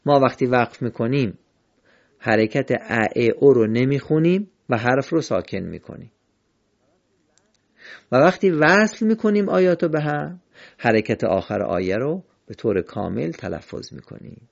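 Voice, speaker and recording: A man teaching the rules of Quran recitation in a patient, methodical way, slowly chanting verses as examples. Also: mid-range voice, expressive, vocal fry. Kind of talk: explanatory lesson. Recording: dull lo-fi recording.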